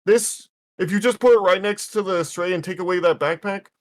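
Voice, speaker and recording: High-voiced blunt podcast guest. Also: male voice, brisk. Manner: blunt, repeats himself for emphasis. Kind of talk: casual chat.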